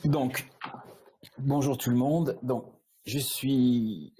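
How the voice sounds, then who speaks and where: A man's voice: medium pitch, fairly even intonation, warm tone, breathy edge. A man from Britain with a British English accent, presenting a webinar over a video call in French, hesitant with many restarts. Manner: halting, many restarts and fillers. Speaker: guest speaker, e-commerce agency head.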